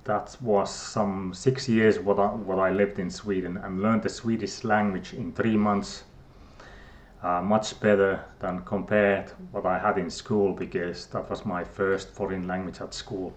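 In a casual interview, a middle-aged man from Finland speaks unhurriedly in a low voice with little pitch movement. A guest scientist with a Finnish accent, he hesitates often, using many fillers and restarting sentences.

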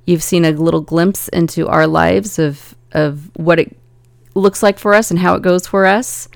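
A woman's voice: fairly low pitch, fairly even intonation, measured pace, gravelly, no room sound, clean studio sound. A woman co-hosting a casual podcast as a family coach, talking earnestly and reflectively, laughing easily.

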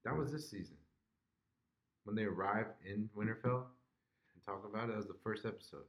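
A man in casual chat who laughs often and speaks with a lively, swooping delivery. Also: on the low side, moderate pace. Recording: echoey room.

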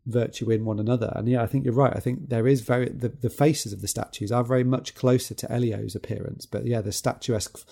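A man with a mellow, darker tone and a gravelly rasp co-hosts a film podcast. He talks loosely and agreeably, circling his points with fillers before landing them. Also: medium pitch, fairly even intonation, fast talker, few pauses. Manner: rambling, agreeable, repeats "yeah" and "kind of". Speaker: podcast co-host. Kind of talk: casual film discussion.

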